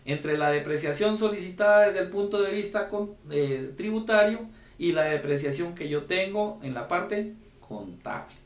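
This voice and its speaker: Man, conference lecturer, slightly high voice, echoey room. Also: lively intonation, normal speed. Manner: explanatory, often checks with the audience. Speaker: lecturer on accounting and tax.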